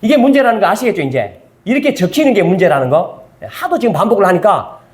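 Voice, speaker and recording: An older male pastor with a Gyeongsang accent preaches a Bible study sermon in a church. His voice sits high for a man and swings widely in pitch, and he keeps prodding his listeners with quick rhetorical check-ins. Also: sing-song, a little mellow. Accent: Gyeongsang Korean. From Gyeongsang region, South Korea.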